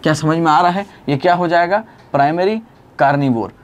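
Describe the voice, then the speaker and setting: A man's voice: fairly high pitch, fairly quick, a little hiss or hum. A young man with an Indian accent teaching biology in a classroom lecture, asking questions and answering them for his students. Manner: lively, swings from loud to soft.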